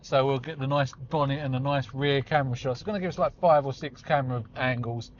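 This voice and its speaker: A man's voice: mid-range voice, fairly even intonation, fairly quick. Casual vlogger, man in his forties, chatty and self-deprecating, recorded in a car with dull sound. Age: 40s. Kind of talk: casual chat while driving. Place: inside a car on the road. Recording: slightly dull audio with faint road noise.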